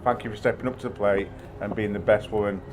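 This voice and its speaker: A man giving an informal, jokey wedding toast speech as the groom, with a halting delivery. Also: fairly low pitch, fairly even intonation, a little hiss or hum.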